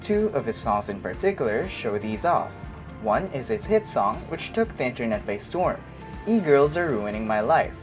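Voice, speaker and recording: A woman's voice: very deep voice, sing-song, moderate pace, music in the background. A woman reading scripted documentary narration in a formal, carefully worded manner.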